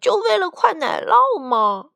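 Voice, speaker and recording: A woman voicing a greedy young chick who mumbles slowly. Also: extremely high pitch, wildly swooping pitch, gravelly, pushed and bright, pitched above the performer's own voice, heavily acted. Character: greedy chubby chick who loves cheese.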